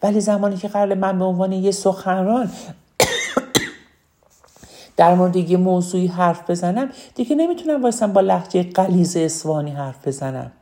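A woman's voice: lowish voice, warm tone. A woman teaching public speaking in an earnest lecture, often repeating key phrases for emphasis. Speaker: speaking coach. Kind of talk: instructional talk on public speaking.

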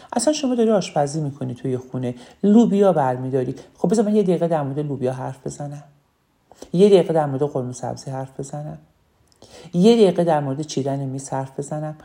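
Woman speaking coach, low and mellow, earnest, repeats points for emphasis. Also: creaky. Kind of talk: instructional talk on public speaking.

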